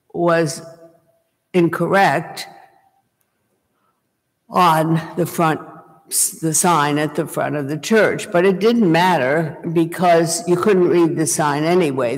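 An older woman preaching a sermon from a church pulpit, telling a story at a deliberate pace. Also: sits low. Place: small church, indoors, at a pulpit. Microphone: gooseneck pulpit mic. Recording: long church reverb. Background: reverberant church hall.

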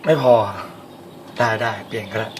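A man talking casually to camera as a participant in an amateur challenge video. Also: moderate pace. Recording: very noisy amateur video recording.

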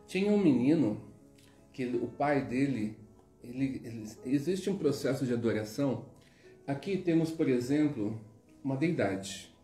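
Brazilian male teacher, casual and digressive, mellow tone, roomy echo with faint music. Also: a little high. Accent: Brazilian Portuguese. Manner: chatty, digressive, frequent tag questions. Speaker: spiritual teacher. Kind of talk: informal teaching with storytelling.

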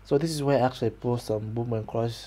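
A man's voice: mid-range voice, steady tone, fast talker, mellow, slight background noise. A young man from Zambia with a Zambian accent walks viewers through his own channel in a plain, explanatory way, often saying "okay" and "so", recorded on a desk webcam in a small room. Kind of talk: casual screen-share walkthrough. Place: small room indoors, pink-lit wall behind.

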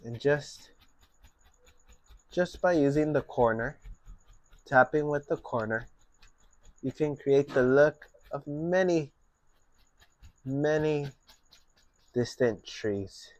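A young man giving a relaxed, step-by-step painting lesson at his easel. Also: a little high, dry recording, lo-fi sound. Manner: slow, relaxed step-by-step instruction. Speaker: painting instructor. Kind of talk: painting tutorial.

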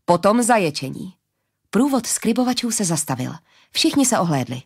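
A woman narrating a fantasy audiobook in a steady, even storytelling manner. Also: medium pitch, breathy edge.

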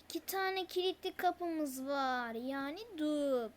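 A young-sounding gamer giving nervous horror game commentary, stammering and muttering prayers to calm down. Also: high-pitched, slow pace. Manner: mutters prayers when scared. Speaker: gameplay streamer.

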